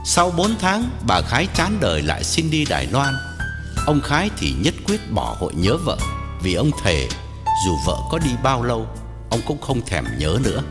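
A man narrating a story as an audiobook reader, expressive and swinging his pitch. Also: moderate pace. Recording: long hall reverb, guitar music behind.

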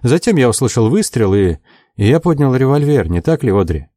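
A man's voice: medium pitch, sing-song, brisk, dark tone, dry recording, clean studio sound, close to an everyday voice. A man playing a shaken, confused young man. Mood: bewildered. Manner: faltering, bewildered. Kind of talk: audiobook character voice.

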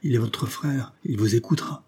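A man's voice: medium pitch, moderate pace, darkish tone, breathy edge. A man reading the part of a frightened, wounded republican stranger who speaks in a theatrical, effusive way. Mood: anxious.

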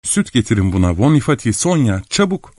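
A man reading an audiobook, voicing a playful, teasing young princess who talks excitedly and gives quick orders. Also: lowish voice, no room sound, pitched above the performer's own voice. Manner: bright, excited and commanding. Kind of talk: audiobook character voice.

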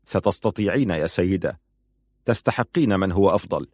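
A man's voice: deep voice, fairly quick, darkish tone. A man voicing a young soldier who speaks in a firm, decisive way, then patiently and tenderly.

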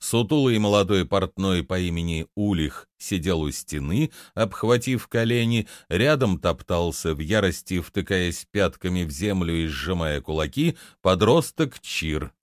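A man narrating a fantasy tale as an audiobook, in an expressive storytelling manner. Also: deep voice, unhurried, hardly any pauses, dry recording, clean studio sound. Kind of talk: scripted fairy-tale narration.

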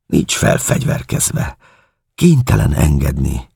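A man narrating a novel in the first person, in a measured, somber reading into a close studio mic. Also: rumbling low, huge pitch swings, gravelly, mellow, slightly rough, no echo. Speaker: audiobook narrator.

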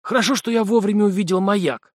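An easygoing Norse jarl, as a male narrator puts him on, friendly and conciliatory, pitched somewhat high. Dry, close sound. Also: quick pace, dry recording.

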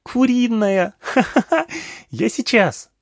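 A man voicing a chatty, excitable little girl who fires off eager questions in an audiobook. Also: high voice, moderate pace, no echo, clean studio sound, pitched above the performer's own voice. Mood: chirpy.

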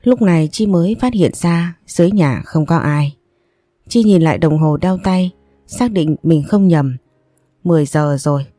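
A woman narrating an audiobook in a calm, even storytelling manner. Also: low-pitched, no room sound, clean studio sound. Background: faint music.

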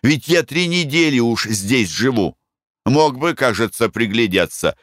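A man's voice: mid-range voice, animated, unhurried, a bit bright, no echo, studio quality, pitched above the performer's own voice. A man voicing a well-traveled merchant who talks in a wry, moralizing way in an audiobook. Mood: indignant.

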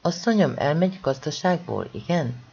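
Sly male servant, soft insinuating questions, quiet menace, storybook reading, as the reader does him, dull recording. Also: medium pitch, animated, creaky, a little hiss or hum.

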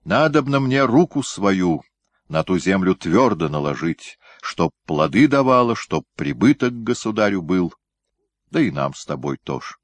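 A brooding young guardsman of old Russia, read by a male audiobook narrator. He speaks in earnest, folksy old-fashioned phrases, torn between duty and love. The voice sits low and close, with a dry, dead sound. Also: big pitch swings, measured pace, no echo, heavily acted. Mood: weary. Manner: old-fashioned folksy speech, tender and troubled. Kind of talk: audiobook character reading.

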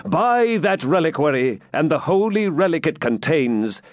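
A man's voice: on the high side, very animated, measured pace, dry recording, voice pushed up. A man reading aloud and voicing a proud young knight who declaims his challenge in a raised voice. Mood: defiant.

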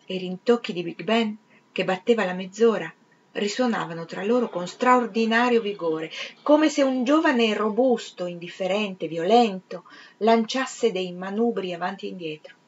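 A woman reading a literary novel aloud in a measured, expressive way, sometimes sinking to a whisper. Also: medium pitch, a little hiss or hum. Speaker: reader. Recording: slightly dull, lo-fi recording.

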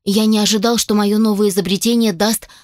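A woman's voice: medium pitch, fairly even intonation, brisk, darkish tone, dry recording, clean studio sound, natural voice. A woman voicing a flustered male dragon inventor in an audiobook, speaking in a placating, soothing way. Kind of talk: audiobook character voice.

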